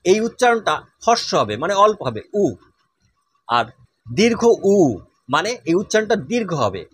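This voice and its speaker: Male instructor, slightly raised pitch, husky tone, patient repetition of sounds for learners. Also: a bit bright, no echo. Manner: patient, repeats each vowel sound slowly. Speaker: Sanskrit teacher. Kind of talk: spoken lesson on pronunciation.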